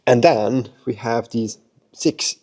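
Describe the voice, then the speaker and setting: Male workshop host, relaxed dark voice, keen and chatty on camera. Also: medium pitch, slow, breathy edge. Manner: enthusiastic, repeats "beautiful" and "amazing". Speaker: car detailing workshop host. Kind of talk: casual walkthrough vlog. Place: car workshop.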